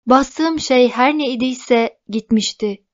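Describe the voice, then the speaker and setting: A woman's voice: high voice, slow, muffled recording. Woman narrating an audiobook. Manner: steady storytelling. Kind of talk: first-person novel reading.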